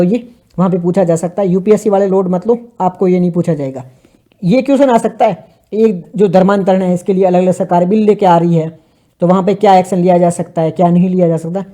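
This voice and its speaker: A man's voice: high voice, dark tone. A man giving a casual current affairs lesson for exam students, mixing English terms into his talk and asking and answering his own questions. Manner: mixes English terms into Hindi. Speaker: exam prep teacher.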